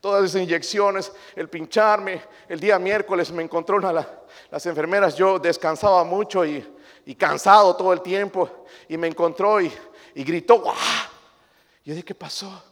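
A man preaching a passionate sermon, calling his listeners brothers, rising to loud emphasis and dropping to quiet asides. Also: high voice, fairly even intonation, moderate pace, in a large hall. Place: church.

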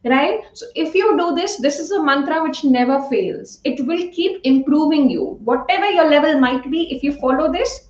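A woman with an Indian accent teaching exam students in an explanatory style, speaking deliberately and emphatically with careful enunciation. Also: high-pitched, darkish tone. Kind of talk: explanatory lecture with numbered points. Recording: echoey room, dull lo-fi audio.

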